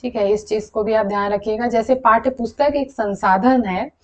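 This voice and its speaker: A woman's voice: fairly high pitch, fairly even intonation, normal speed, a little mellow. A young woman teaching an exam-prep lesson, explaining patiently and checking in with listeners as she goes. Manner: explanatory, repeats "thik hai" to check in.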